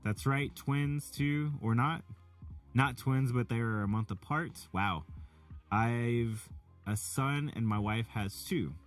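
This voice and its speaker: A middle-aged man chatting casually while reading out chat, rambling and animated with many restarts. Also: medium pitch, takes it slowly, far from the mic. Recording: from the mic, faint music behind.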